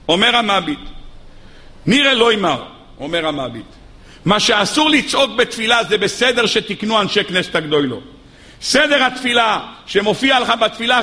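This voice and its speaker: In a large hall, a Torah teacher with a bright, forceful voice gives a religious text lesson. He reads from sources, then drives his points home, his pitch rising high and emphatic.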